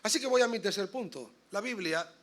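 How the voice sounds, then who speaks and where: Animated man preaching a sermon. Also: high voice, brisk. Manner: animated preaching, swings between soft asides and loud emphatic bursts; addresses the congregation directly with questions. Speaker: pastor. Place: church sanctuary.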